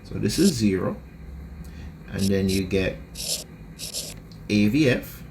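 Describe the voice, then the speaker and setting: A man's voice: fairly low pitch, lively intonation, gravelly, darkish tone, slight background noise. A man teaching a lecture, explaining a diagram step by step and checking in with the class often. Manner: unhurried, checks in with "right?" often.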